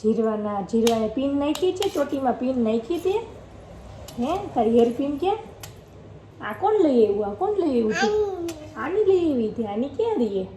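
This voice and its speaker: High-voiced woman coaxing a toddler. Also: sing-song, moderate pace, mellow, echoey room, poor audio. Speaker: vlogger and mother. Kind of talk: casual home vlog chat with toddler.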